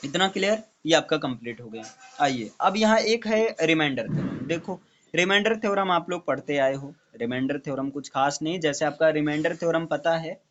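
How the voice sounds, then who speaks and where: A man's voice: fairly high pitch, normal speed, a bit bright, muffled recording. A male tutor teaching maths to a student, explaining step by step and checking in often. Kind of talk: classroom maths lesson.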